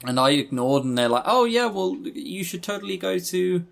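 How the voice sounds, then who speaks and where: Very animated and fairly bright, this man's high, creaky voice moves at a moderate pace. He co-hosts a podcast, casually reviewing visual novels with rambling, forceful opinions.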